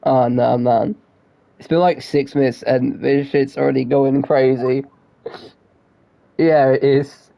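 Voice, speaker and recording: Slow, rambling man streaming a game. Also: medium pitch, fairly even intonation, gravelly, dull audio. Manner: rambling, giggly, self-interrupting. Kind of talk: live gameplay commentary.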